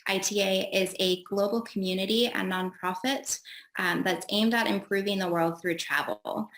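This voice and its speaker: Female webinar host, creaky voice, filler-heavy upbeat delivery, roomy video-call audio. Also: on the low side, sharp tone. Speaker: host and event organizer. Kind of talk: webinar panel introduction. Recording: echoey room.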